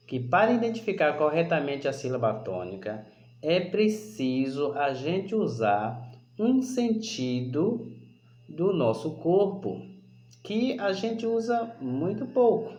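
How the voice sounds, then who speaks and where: A man teaching young kids from a distance, his fairly high voice rising and falling a lot as he explains. He takes his time, drawing words out and checking in with the class again and again. The room around him rings with echo. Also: a little mellow. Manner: slow, deliberate, repeats questions to check understanding. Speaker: primary school teacher. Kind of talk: remote class lesson.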